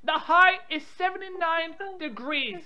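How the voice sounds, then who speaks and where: In dull lo-fi audio, a woman on a prank call trades phone banter and reads weather updates with an irritable, confrontational edge. Her voice is very high-pitched and sharp, and she takes her time.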